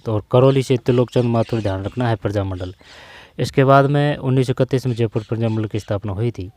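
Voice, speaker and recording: A man runs through exam questions in a relaxed tutoring style. His tone is dark and mellow, and the recording is dry and close. He repeats each answer several times and keeps checking in with the listener. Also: medium pitch, fast, no room sound. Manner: repeats key answers, frequent "theek hai" check-ins. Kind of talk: casual exam-prep lesson.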